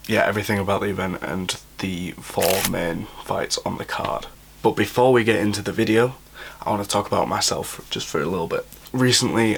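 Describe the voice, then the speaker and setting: Young boxer guy reviewing fights, low voice, kinda monotone, talking quiet and blunt. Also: noisy background. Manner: speaking quietly late at night; blunt and opinionated, with fillers. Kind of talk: casual review to camera.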